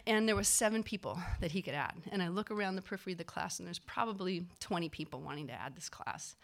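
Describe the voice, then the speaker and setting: In a lowish voice, a woman who works as a physician assistant tells a story from her own life. She keeps it casual and animated, impersonating the people she quotes and leaning heavily on fillers.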